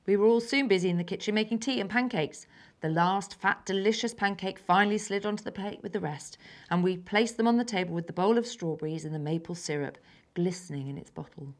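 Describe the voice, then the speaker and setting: A schoolgirl of about ten from England reads her own story aloud. Her voice is rather low for her age, and she reads carefully and evenly, slipping into soft, breathy passages now and then. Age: child, about 10. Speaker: young story author.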